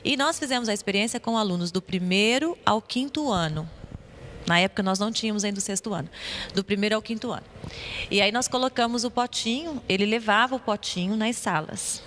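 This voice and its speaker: A Brazilian woman, an educator co-hosting a church podcast, telling a story in a lively way and acting out what people said. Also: mid-range voice, fairly quick, big-room sound, a little hiss or hum. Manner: animated storyteller who acts out quotes. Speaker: school educator and podcast co-host. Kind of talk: casual podcast conversation.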